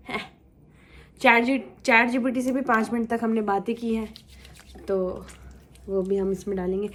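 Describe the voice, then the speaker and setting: High-voiced playful young woman vlogger. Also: fairly bright tone. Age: young adult. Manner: playful, chatty, teasing viewers directly. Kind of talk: casual chit-chat vlog.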